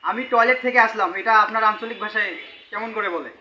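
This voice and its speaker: A man working the camera who asks quiz questions in a plain, steady way during a comedy sketch. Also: high voice, a little fast, dull audio, a little hiss or hum.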